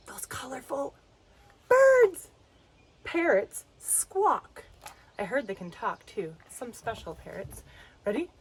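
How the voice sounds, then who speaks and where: A woman's voice: medium pitch, fairly bright tone, a little hiss or hum, low-quality recording. A woman hosting a children's lesson, talking playfully and directly to the kids watching. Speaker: children's educator and show host.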